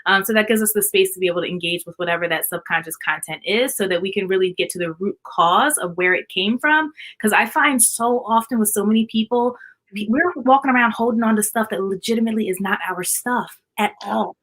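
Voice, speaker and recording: A woman's voice: medium pitch, fairly quick, fairly bright tone. A woman speaking as an art therapist guest in a casual live-stream chat, explaining earnestly and repeating key points for emphasis.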